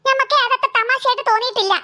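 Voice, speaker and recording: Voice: extremely high pitch, steady tone, very fast, sharp tone, full character voice. A voice actor playing a cheeky, quarrelsome schoolboy in a cartoon, speaking with a Malabar Malayalam accent. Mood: boastful. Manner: teasing, bragging, mock-threatening. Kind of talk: animated cartoon voice acting.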